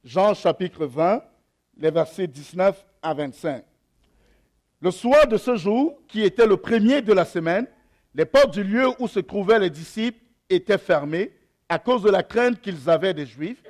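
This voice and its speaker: A young adult man, a pastor whose first language is an African mother tongue, reads scripture slowly and then preaches with hesitations and repeated phrases. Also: sits high, lively intonation, a little mellow. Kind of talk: sermon.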